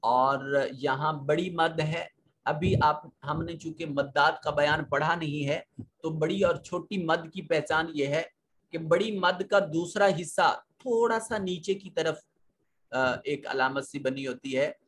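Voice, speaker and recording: A man with a Pakistani Urdu accent teaching a recorded Quran lesson, patiently explaining tajweed rules and slowly reciting verses. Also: a little high, a bit bright, a little hiss or hum.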